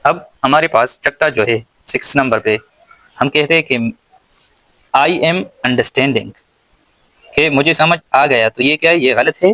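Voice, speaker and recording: A man with a Pakistani accent teaching English slowly and deliberately, pausing word by word and repeating his questions. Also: mid-range voice, bright, forceful tone, dry recording, rough recording. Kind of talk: slow spoken English lesson.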